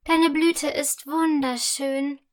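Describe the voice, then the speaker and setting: A woman voicing an excitable, loving female snowdrop flower in a children's audio story. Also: high voice, slow pace. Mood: admiring. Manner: excited, affectionate.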